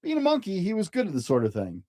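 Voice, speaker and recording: With a medium-pitched voice and a quick pace, a storyteller reads a children's picture book aloud, gently and expressively, as if to young children.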